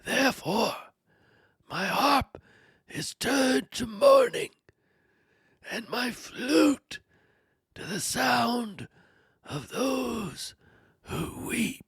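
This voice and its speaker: A woman's voice: on the high side, lively intonation, very slow, pauses often, husky, dry recording, full character voice. A woman voicing the suffering old man Job, tearful and pleading, dramatically reading his lament with whispers and cries. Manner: anguished pleading, dramatic swings.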